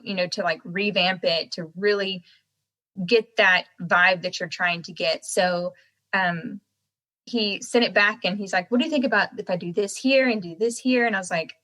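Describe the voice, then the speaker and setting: A woman's voice: medium pitch, sharp tone, poor audio. An American woman chatting casually as a podcast guest, talking out of one side of a swollen mouth and laughing as she goes. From United States. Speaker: podcast guest, singer-songwriter. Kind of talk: casual chat.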